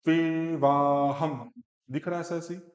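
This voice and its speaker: A man teaching Sanskrit pronunciation, breaking verses into slow syllables and correcting a student as he goes. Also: on the high side, highs cut off. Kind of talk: one-on-one pronunciation lesson. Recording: echoey room.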